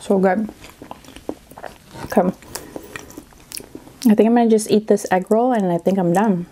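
A woman's voice: medium pitch, moderate pace, dark tone, a little hiss or hum. A woman vlogging while eating on camera, getting over a cold, chatting casually between bites and murmuring at the food. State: recovering from a cold, slightly congested. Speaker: mukbang YouTuber.

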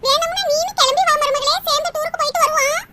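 A woman doing a squeaky old mother-in-law. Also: steady tone, loud music behind the voice. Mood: fond, bossy. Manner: chiding, drawn-out village speech. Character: fussy elderly Tamil mother-in-law. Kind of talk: cartoon voice acting. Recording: loud background noise.

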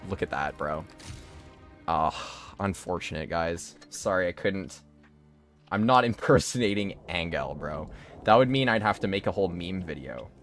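A man's voice: low voice, fairly bright tone. Strained-voiced man streaming a tank game. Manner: laughing, chatty slang, answering chat. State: voice strained and tired. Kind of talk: casual live-stream chat.

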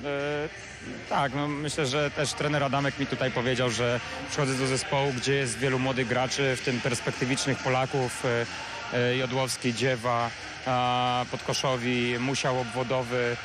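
Flat-voiced basketball player, hesitant. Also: male voice, mid-range voice, normal speed, background noise. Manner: hesitant, many filler sounds. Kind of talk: post-match interview. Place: courtside interview wall in an arena. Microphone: handheld reporter mic.

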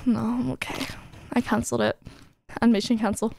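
A woman's voice: a little high, flat delivery, fairly quick, creaky, very noisy. A woman streaming a game, chatting casually with a friend in a playful, teasing way and laughing often. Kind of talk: casual chat on a gaming stream.

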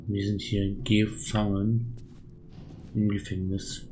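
A man doing casual let's play commentary, reading game text aloud and thinking out loud. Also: on the low side, flat delivery, slow pace, slight background noise, rough recording. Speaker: let's player, channel host.

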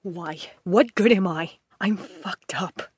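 Brief: a woman as a bitter, curt scientist, slow-spoken, in a dry audio drama. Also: medium pitch, a little mellow, no echo, natural voice. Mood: despairing. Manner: curt, bitter, self-doubting. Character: Sam, a brooding injured scientist.

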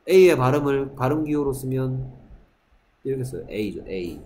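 Speaking unhurriedly in a dark, animated mid-range voice, this middle-aged man teaches English vocabulary to middle schoolers, saying each word again and asking rhetorical questions. There's a little hiss or hum, plus echo and faint ambience from the classroom.

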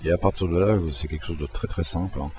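Very deep-voiced man, halting tutorial talk. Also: darkish tone. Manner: hesitant, many fillers and restarts. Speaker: software tutorial maker. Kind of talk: casual screen-recorded tutorial.

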